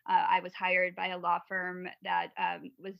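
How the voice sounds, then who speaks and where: A mother of three from Wisconsin, USA, appears as a podcast guest, talking at length in a casual interview and rambling with lots of fillers and restarts. Her voice is fairly low, gravelly and monotone at a moderate pace, with no echo but a dull lo-fi sound.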